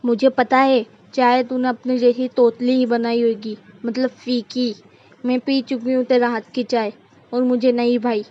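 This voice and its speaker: A woman playing a bossy cartoon mother-in-law who nags and orders in a high, sharp voice. She talks slowly, drawing out every command. The recording sounds dull and lo-fi. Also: flat delivery, close to an everyday voice. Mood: scolding. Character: bossy scolding middle-aged mother-in-law. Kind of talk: cartoon voice acting.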